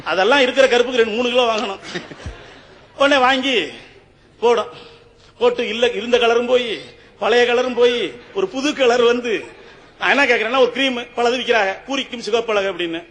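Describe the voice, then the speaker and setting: A man's voice: very high-pitched, fairly quick, long pauses, fairly bright tone, long reverb tail. A man giving a humorous, rhetorical debate speech on stage and often turning to address the judge.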